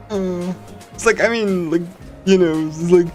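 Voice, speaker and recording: On a casual livestream, a streamer with a slightly high-pitched voice reads through a visual novel in a loose, chatty way. Soft game music plays behind him as he talks haltingly and giggles like an excited fan.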